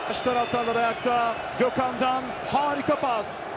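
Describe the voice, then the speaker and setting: Man, football commentator, excited live match calls, shouted names, very high pitch, loud crowd roar. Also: normal speed. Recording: loud stadium crowd, noisy broadcast audio. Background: roaring football crowd.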